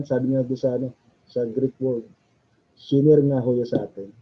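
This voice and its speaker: A man's voice: fairly high pitch, husky. A male chaplain, preaching in a chatty way, laughing often and asking the audience questions. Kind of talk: sermon. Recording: dull lo-fi recording.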